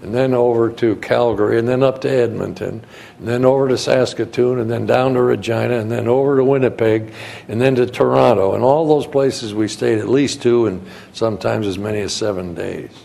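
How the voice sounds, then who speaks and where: An older man from New England giving a sermon in a conversational, folksy storytelling way with soft chuckles. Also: mid-range voice, fairly even intonation, fairly quick, gravelly. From Connecticut, New England. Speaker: guest preacher.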